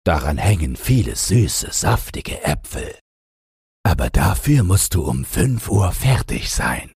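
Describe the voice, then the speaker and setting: A man voicing a sly, scheming big bad wolf in a storybook reading, with a deep, gravelly, husky voice and slow, drawn-out, coaxing speech. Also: sing-song, a little mellow, no room sound, clean studio sound, heavily acted.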